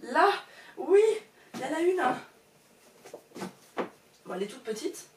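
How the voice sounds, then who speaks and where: A woman's voice: high-pitched, sing-song, measured pace, a little hiss or hum. Chatty woman vlogging about books. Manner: chatty, many hesitations and fillers. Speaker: book vlogger. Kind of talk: casual chat to camera. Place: at home.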